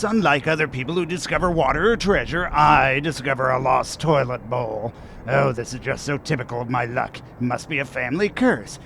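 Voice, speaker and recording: High, creaky, fussy manservant played by a man. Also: fairly bright tone. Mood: self-pitying. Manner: theatrical exclaiming and muttering to himself. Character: fussy, luckless, self-pitying manservant lost in the desert. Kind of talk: comic audio drama acting. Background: music.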